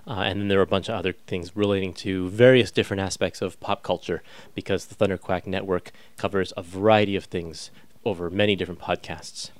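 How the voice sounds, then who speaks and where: Male podcast host, 30s, lower register, dry recording, casual and enthusiastic delivery. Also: steady tone, brisk, no echo. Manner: enthusiastic, informal. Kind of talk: casual chatty podcast hosting.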